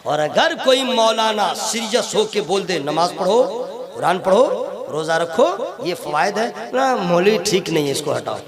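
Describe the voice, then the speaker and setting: A man preaching with a strikingly high voice, building repetitive lines into loud shouted peaks before easing into casual banter. A crowd is clearly heard around him at the live gathering. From Kolkata, India. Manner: rhythmic repeated phrases rising to shouted climaxes; drops to chatty, joking asides with the crowd. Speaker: Islamic preacher. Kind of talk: sermon to a gathering.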